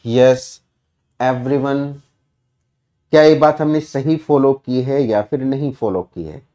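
Slow-speaking Indian teacher man. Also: mid-range voice, mellow. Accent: Indian English. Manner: explains answers step by step and quizzes students. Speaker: English teacher. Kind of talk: online exam-prep class.

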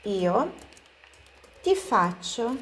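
Slow-paced woman teaching Italian. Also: a little high, big pitch swings, fairly bright tone, slight background noise. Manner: slow, careful pronunciation of example words. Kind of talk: language lesson.

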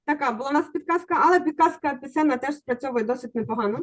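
Her high voice races along as she leads an online exam-prep session by video call, cheering her students on and coaxing answers out of them.

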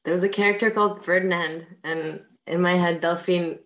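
A woman with a French accent telling an anecdote on a panel, animated and acting out what people said. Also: fairly low pitch, brisk. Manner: animated storytelling, acts out quotes. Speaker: actor on a reunion panel. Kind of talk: casual anecdote.

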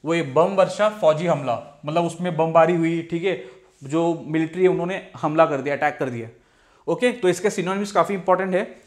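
Indian male vocab tutor, higher voice, Hindi-English mix, drawls definitions, constant "okay" check-ins. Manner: keeps saying "theek hai" and "okay". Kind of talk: explaining vocabulary from slides.

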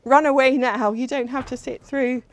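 Chatty English woman lecturer, bright voice. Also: high voice, steady tone, moderate pace. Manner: chatty, self-deprecating, frequent ums. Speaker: university lecturer. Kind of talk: academic lecture.

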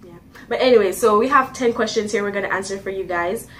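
A woman's voice: medium pitch, fast talker, fairly bright tone, slight background noise. A young Jamaican woman hosting her vlog in a loose, chatty way with plenty of fillers. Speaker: vlogger host. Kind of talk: casual chat. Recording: voice a bit distant from the mic.

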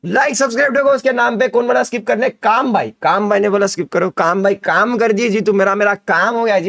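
This gaming streamer, a man in his twenties with an Indian accent, has a high-pitched, gravelly voice captured in clean studio sound with no room sound. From his indoor desk setup, he keeps the livestream chat casual and excited, looping back on the same slangy hype lines.

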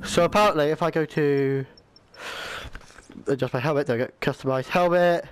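A man commentating his VR game play, excitable and swearing, shouting at the game. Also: fairly high pitch, moderate pace, clear, resonant tone, no echo. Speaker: gamer.

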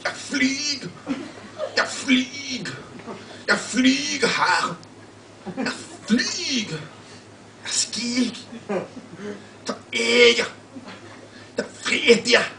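A man reading a poem aloud in a put-on Danish accent, loud and clipped, half laughing. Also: extremely high pitch, animated, drawn-out words, long pauses, voice pushed up, exaggerated voice. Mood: declaiming. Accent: imaginary Danish. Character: loud, high mock-Danish male poet. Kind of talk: performed poetry reading. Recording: roomy, distant live mic with faint hum.

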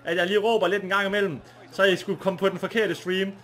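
A man streaming a football video game with a Danish accent, commenting live and getting excited, shouting and swearing often. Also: high voice, crowd noise. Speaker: gaming streamer.

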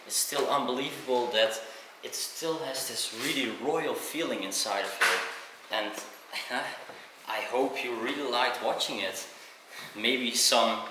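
A man's voice: medium pitch, pushed and bright. A young man hosting an exploration vlog, chatting casually and laughing easily as he walks through a large abandoned mansion, recorded on a camera mic. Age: young adult. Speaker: urban explorer, channel host. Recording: echoey empty rooms with background hiss.

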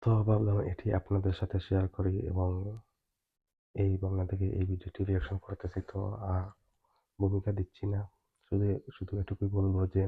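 A man hosting a reaction video, speaking slowly and gravely with many hesitant fillers. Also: low voice, phone-quality sound. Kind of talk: solemn reaction commentary.

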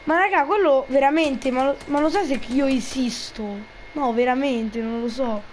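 A woman giving casual gameplay commentary, rambling and jokey, now and then yelling taunts at other players. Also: high voice, normal speed, a little hiss or hum. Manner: rambling and jokey, trash-talks opponents in bursts. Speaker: gaming video creator.

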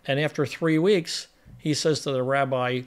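A man's voice: mid-range voice, steady tone, moderate pace, smooth. A man co-hosting a casual film review podcast, retelling the plot in a rambling way with frequent restarts.

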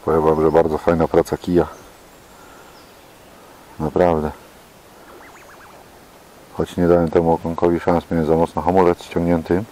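A man's voice: low voice, completely flat delivery, moderate pace, pauses often, noisy background. A man, a fishing vlogger, giving casual commentary as he fishes. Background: music.

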